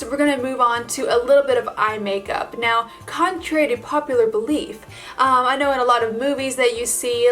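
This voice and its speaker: A woman's voice: a little high, a bit bright. A woman vlogger talking casually to her viewers in a bubbly, gushing, informal way, as in a makeup tutorial. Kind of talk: casual chatty vlog tutorial addressed to viewers.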